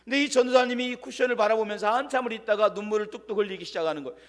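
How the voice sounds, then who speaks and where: A male pastor tells a sermon story with a high, bright-sounding voice. He tells it dramatically and sinks to a hush when quoting someone. His words ring out with a long echo through a church sanctuary. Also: very fast. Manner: dramatic storyteller, drops to hushed voice for quoted lines. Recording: long church-hall reverb.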